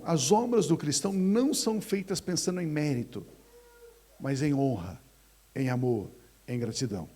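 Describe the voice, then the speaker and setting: A man preaching a sermon as a pastor, swinging from hushed to loud. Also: a little high. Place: church.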